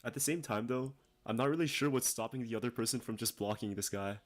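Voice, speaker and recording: A man's voice: mid-range voice, fast talker, very noisy. A young man giving casual online commentary in a slangy, incredulous way.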